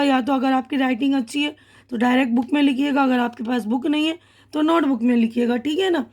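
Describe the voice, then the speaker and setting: A woman's voice: high-pitched, a little mellow. A woman teacher with an Indian Urdu accent, patiently explaining a school lesson to children and correcting her own slips. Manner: patient, repeats and corrects herself.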